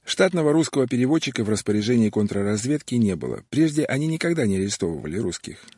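A man narrating an audiobook in a steady, measured read. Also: medium pitch, breathy edge, dry recording, clean studio sound. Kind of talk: scripted narration.

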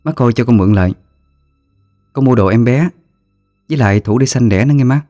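Guy doing a proud pregnant young wife, twang, high pitched and sharp, storytelling. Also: brisk, no room sound, clean studio sound, faint music behind, natural voice. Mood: coaxing. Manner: pleading sweetly at first, later sharp and cutting. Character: fiery pregnant young daughter-in-law, proud and defiant.

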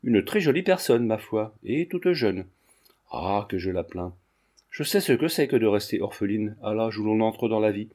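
A man reading the lines of a flighty, mysterious foreign widowed countess in an audiobook, in a soft, courteous manner. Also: on the low side, lively intonation, moderate pace.

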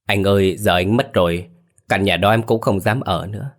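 Guy doing a scared young widow in a ghost story, begging softly, voice stays low. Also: normal speed. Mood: pleading. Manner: pleading, softly respectful. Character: grieving young widow, timid and afraid of ghosts.

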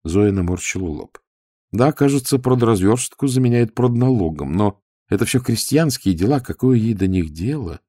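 A man narrating an audiobook expressively, letting his voice drop low on the dialogue tags. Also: expressive, normal speed, warm tone, no echo, clean studio sound.

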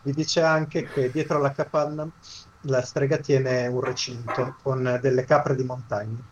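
A man runs a tabletop game as its game master, with a mid-pitched voice. He narrates in a casual, conversational way. Faint noise sits in the background. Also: flat delivery, measured pace, dull audio.

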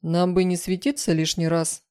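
A woman reading a calm, dutiful male bodyguard. He speaks politely but firmly, in a low, mellow tone. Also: moderate pace, smooth, close to an everyday voice. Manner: polite and firm.

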